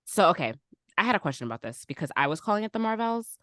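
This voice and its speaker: A young woman co-hosting a casual podcast, chatty and quick to laugh. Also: low voice, sing-song, a bit bright, no echo, studio quality. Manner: chatty, laughs often, lots of "like". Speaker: podcast co-host. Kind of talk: casual chat.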